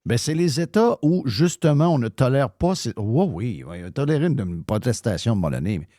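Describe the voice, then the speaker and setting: Québécois man, radio host, ranting and swearing, swinging pitch, warm dry voice. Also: sing-song, a little fast, dry recording. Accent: Québécois French. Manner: heated, ranting, swears freely. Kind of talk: opinionated live radio talk.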